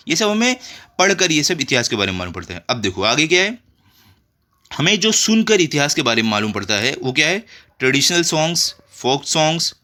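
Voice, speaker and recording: Step by step, a school tutor with an Indian accent walks children through a lesson, reading the textbook aloud and translating it. His voice is bright and forceful at an average male pitch, and he often poses rhetorical questions and drops in short check phrases.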